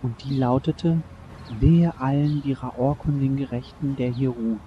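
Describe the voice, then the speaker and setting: A formal, dread-filled butler who warns of doom in grave tones, as a man acts him out. A clear background hiss runs under his voice in this radio play. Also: mid-range voice, steady tone, a little slow, dull audio, natural voice. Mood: ominous. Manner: formal, ominous. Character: fearful male butler obsessed with a curse.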